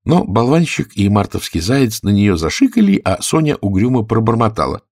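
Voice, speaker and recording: A man reading a fairy-tale audiobook aloud as the narrator, with expressive intonation. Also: on the low side, moderate pace, no room sound, clean studio sound. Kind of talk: scripted storybook narration.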